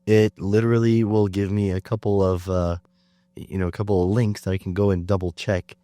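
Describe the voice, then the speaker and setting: Deep-voiced man chatting loosely. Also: little pitch movement, fairly quick, warm tone, no room sound. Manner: loose, rambling, many fillers and restarts. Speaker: podcast host. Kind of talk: casual conversation.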